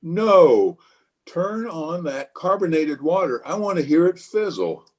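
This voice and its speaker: A man voices a blustery, scheming, self-important water commissioner of middle age for an old-time radio comedy, hammy and prone to exclamations. His voice runs a little high with big swings in pitch, delivered slowly and in an exaggerated way.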